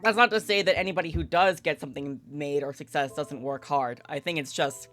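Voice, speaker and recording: With game music playing beneath her, a woman reads a visual novel aloud on a gaming livestream and adds frank, sweary casual commentary. She speaks in a low, fairly bright voice at a fairly quick clip.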